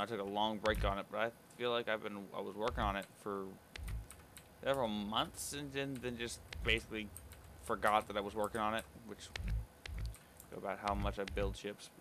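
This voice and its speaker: Low-voiced man musing over gameplay. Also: sharp tone, a little hiss or hum. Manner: rambling, self-correcting, musing aloud. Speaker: streamer. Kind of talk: casual gameplay commentary.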